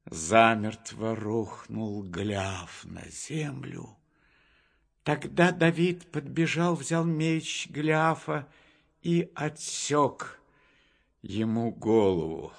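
Slow husky male storyteller. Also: medium pitch. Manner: measured and expressive, slow. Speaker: narrator. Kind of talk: storybook Bible reading. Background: faint music.

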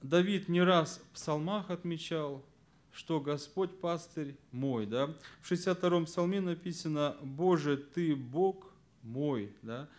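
A man teaching fellow children's Sunday school teachers, earnestly stressing key words and dropping to a soft voice at verse endings. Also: a little high, measured pace. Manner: explanatory, addresses listeners as friends.

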